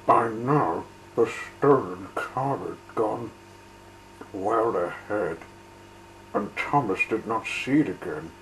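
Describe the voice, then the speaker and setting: A man reading a children's train story aloud in an unhurried, gentle storytelling manner. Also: fairly low pitch, expressive, creaky. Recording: roomy with faint hiss.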